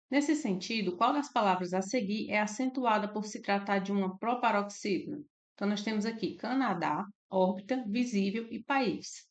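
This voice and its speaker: Brazilian woman tutoring through exam questions. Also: medium pitch. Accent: Brazilian Portuguese. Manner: explanatory, adds "né?" and "ó" often. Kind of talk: casual screen-share lesson.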